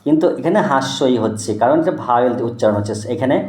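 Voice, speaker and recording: A man tutor patiently takes apart English words letter by letter and syllable by syllable for one pupil. His voice is mellow and dark, and its pitch rises and falls a lot as he sounds things out. The room around him sounds echoey. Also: lively intonation. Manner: explains slowly, spelling out letters and syllables. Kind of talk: one-on-one English spelling lesson. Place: tuition room.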